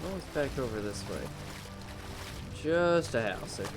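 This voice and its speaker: A man streams a video game with loose, casual commentary, swearing as he plays. He reads the game's text aloud in an easy, middle-pitched voice. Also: lively intonation, moderate pace, music in the background.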